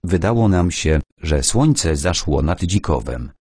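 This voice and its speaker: A male audiobook narrator with a low, deep voice who tells the story in the first person at a measured pace. The sound is dry and close, with no room around it. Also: lively intonation, dark tone, husky, dry recording.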